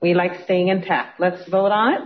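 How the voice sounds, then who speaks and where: A meeting chair running a public session in brisk procedural phrases. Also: medium pitch, steady tone. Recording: dull lo-fi audio.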